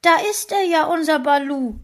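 A woman voicing a tearful, distraught dog owner who cries out in high, loud bursts. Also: normal speed, close to an everyday voice. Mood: overjoyed. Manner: high, loud sobbing outbursts. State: crying.

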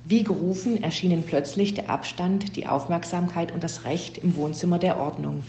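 A woman reading a children's story aloud in a steady, even storybook narration. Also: on the low side, moderate pace, reverberant, a little hiss or hum.

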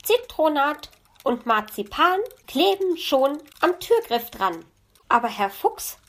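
A chattering, eager magpie lady from a children's audiobook, chirping up high and swooping through her lines with loud delight, as a woman reader puts her on. She gushes over every rhyme. The voice stays lively and sparkling throughout. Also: slow pace, heavily acted. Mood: excited. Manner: gushing, bright and eager. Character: excitable chattering female magpie.

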